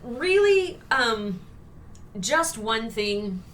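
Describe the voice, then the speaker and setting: Sarcastic woman co-host, bright voice, mic set a bit far off with a faint rumble. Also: sing-song, very slow. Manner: chatty, sarcastic, many fillers. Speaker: co-host reviewing a TV episode. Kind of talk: casual critical chat.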